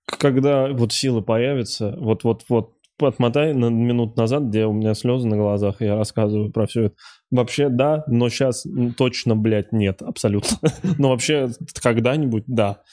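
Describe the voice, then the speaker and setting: A man's voice: mid-range voice, moderate pace, warm tone. A man in his thirties, a stand-up comedian on a talk show as a guest, chatting casually in a rambling, profane, self-mocking way. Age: 30s. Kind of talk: casual chat.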